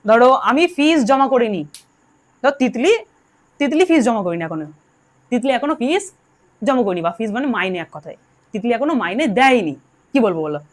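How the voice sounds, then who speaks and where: A woman's voice: fairly high pitch, very animated, a little fast, long pauses. A woman teaching English grammar to a class, drilling her students and telling them to answer aloud. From Bengal. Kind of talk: classroom lesson.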